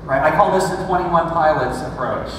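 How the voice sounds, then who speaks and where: Delivering a sermon at normal speed, this thirtysomething man speaks in a higher-than-average voice, chatting conversationally and poking dry fun at himself. The large church stage with a screen is recorded from far off through a distant room mic, so the hall echoes and background noise is present.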